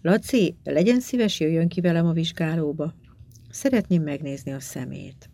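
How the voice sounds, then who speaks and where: A woman reading the lines of a sympathetic, sad woman doctor, speaking quietly and kindly. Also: low-pitched, dry recording. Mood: gently concerned. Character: kind, sad woman doctor, middle-aged.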